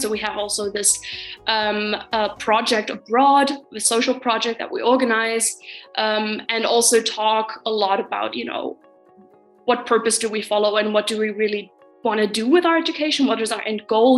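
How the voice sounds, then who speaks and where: A woman's voice: a little high, rough recording. A woman in her twenties, a master's student, talking casually about her studies with frequent ums and likes. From Finland and Germany. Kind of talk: casual interview talk.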